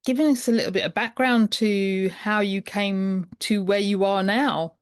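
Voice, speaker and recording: A woman's voice: mid-range voice, fairly even intonation, measured pace, clear, resonant tone, no room sound. Woman podcast host, friendly, keeps rephrasing, dead dry mic. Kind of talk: podcast interview.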